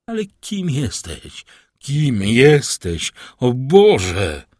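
A man's voice: lively intonation, slow pace, husky, no room sound, studio quality, heavily acted. A man voicing a frantic male prosecutor who is sliding into madness, crying out in desperate pleas. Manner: shrill cries, pleading and desperate.

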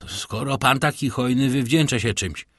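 A servile old doorkeeper from a classic tale, eager to please and quick to chatter, as an audiobook narrator puts him on. The voice is husky and dry, bowing and scraping with every answer. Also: male voice, medium pitch, a bit bright, no echo, natural voice. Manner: servile and deferential. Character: humble, eager, talkative old prison doorkeeper.

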